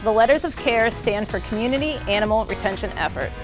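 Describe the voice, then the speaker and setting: A woman's voice: a little high, expressive, fast. A woman giving a prepared introduction as a community initiatives director. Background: prominent music.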